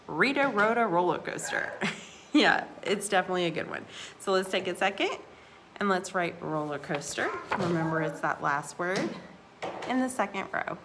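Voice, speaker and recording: A woman teaching a recorded lesson to young children, patient and encouraging, sounding out words slowly for them to follow. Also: lowish voice, background noise. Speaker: second grade teacher. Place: indoors, hanging out away from classroom.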